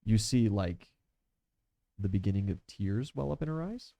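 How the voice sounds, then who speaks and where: A man's voice: on the low side, lively intonation, moderate pace, gravelly, warm tone, dry recording. A man narrating a tabletop role-playing game as game master, setting scenes for the players.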